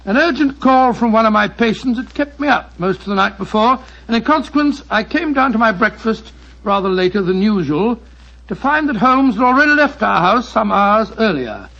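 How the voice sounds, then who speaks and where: Doctor Watson, gravelly and high. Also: male voice, lively intonation, moderate pace, sharp tone, full character voice. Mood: narrating. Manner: avuncular, blustering when annoyed. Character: genial older male doctor, kindly storyteller. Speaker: narrator. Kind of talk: 1940s radio acting. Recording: muffled old radio broadcast.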